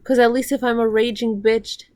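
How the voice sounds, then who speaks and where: A woman's voice: on the high side, little pitch movement, normal speed, a little mellow. Rambling woman reacting to a show. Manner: rambling, restarts, swears when annoyed. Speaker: reaction commentator. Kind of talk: casual watch-along commentary.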